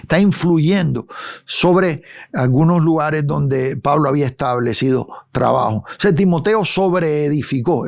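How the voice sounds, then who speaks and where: Man, Bible teacher, slightly high pitch, conversational, checks in with listeners. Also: creaky. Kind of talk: expository Bible study.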